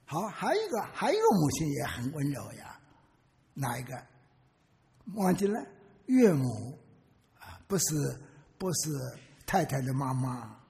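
Animated elderly man preaching, gravelly voice. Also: mid-range voice, a little slow, pauses often, in a large hall. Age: 80s. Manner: animated storyteller who asks the congregation questions. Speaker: pastor. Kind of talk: sermon.

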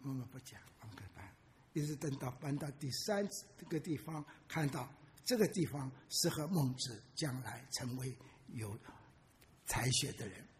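A man's voice: medium pitch, normal speed, big-room sound, a little hiss or hum. A man in his eighties, a pastor, preaching a sermon in a church and often putting questions to his listeners. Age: 80s. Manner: animated storyteller who asks the congregation questions.

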